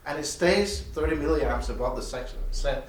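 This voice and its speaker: A loudspeaker designer, a man with a slightly high voice, haltingly explains his audio gear in technical, conversational terms at an audio show. The setting is an indoor demo room, and the distant mic captures an echoey room with faint noise.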